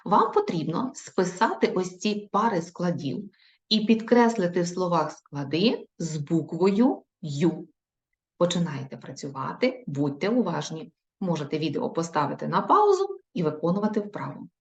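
A woman teaching young children in a recorded video lesson. She dictates slowly and carefully and repeats each word. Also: lowish voice, big pitch swings. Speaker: primary school teacher. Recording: echoey room, dull lo-fi sound.

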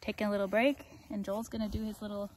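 A woman's voice: medium pitch, little pitch movement, quick pace. A woman in her forties chatting and laughing while vlogging a hike outdoors, camera at arm's length. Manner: giggly, chatty, teasing. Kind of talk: casual hiking vlog chat. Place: outdoors on a forest trail. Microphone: camera held at arm's length.

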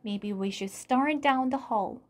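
A woman voicing an anxious young boy who tries to stay calm, with earnest, urgent storybook dialogue. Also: a little high, unhurried, lightly acted.

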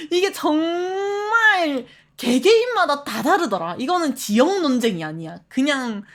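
A woman streamer chatting casually with her viewers, animated, laughing often and reading the chat aloud. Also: high-pitched, slow pace.

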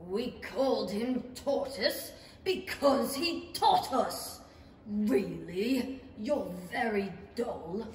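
A mournful, easily offended turtle acted by a woman, ponderously slow yet swooping in pitch. The radio-play delivery is doleful and echoes through a hall. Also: lively intonation, a little mellow, slight background noise. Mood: huffy. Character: mournful, touchy old-fashioned Mock Turtle creature. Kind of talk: 1930s-style stage radio play acting. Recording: echoey hall, distant mic.

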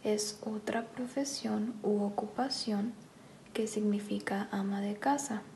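A woman teaching an English grammar lesson, saying each sentence first in Spanish and then in English, in a soft-spoken, careful way. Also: mid-range voice, fairly even intonation, slow pace, gravelly, a little hiss or hum, poor audio.

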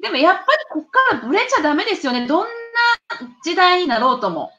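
A woman co-hosting a casual live-stream chat, encouraging and answering with quick backchannels. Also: high voice, big pitch swings, fairly bright tone, muffled recording.

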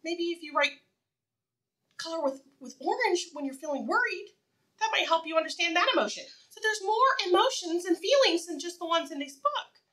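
A very high-voiced woman, recorded on a distant mic, reads to a group of young children. Animated and warm, she speaks in easy words, repeats herself for emphasis, and pauses after asking the kids questions.

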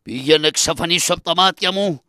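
Man voicing a bossy puppet-play official who scolds and issues fines; high, clean, bright voice. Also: clean tone, no echo, clean studio sound. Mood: scolding. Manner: scolding, commanding. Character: stern male official handing out fines, bossy. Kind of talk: traditional shadow-puppet theatre.

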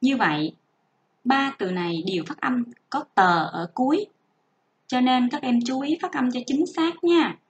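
A woman teaching a first-grade reading lesson online, reading slowly and spelling out each sound for young children. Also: sits high. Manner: slow, careful, drawn-out model reading and spelling out sounds. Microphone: home recording for an online class. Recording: dull lo-fi sound.

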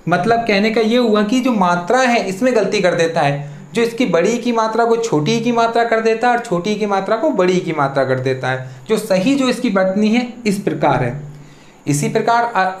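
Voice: mid-range voice, lively intonation, moderate pace. A teacher giving an exam-prep spelling lesson, who asks questions and then answers them, and spells words out syllable by syllable. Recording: echoey room.

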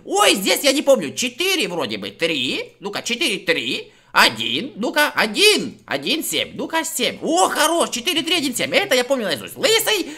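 Excitable male Let's Play host, high bright voice, giggly, playful catchphrases. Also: normal speed, few pauses, slightly rough. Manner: excitable, giggly, addresses viewers as friends; repeats a nonsense catchphrase. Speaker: gaming video host.

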